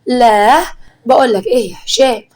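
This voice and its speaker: A woman's voice: a little high, a little fast, lightly acted. Woman voicing a bossy Egyptian mother-in-law. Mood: angry. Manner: loud, commanding, scolding.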